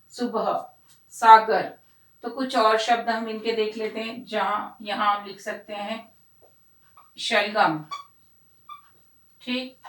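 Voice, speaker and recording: A woman teaching a primary school lesson, explaining slowly and repeating words so children hear the pronunciation. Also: on the high side, fairly bright tone. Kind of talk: classroom lesson. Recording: echoey room, voice from a distance.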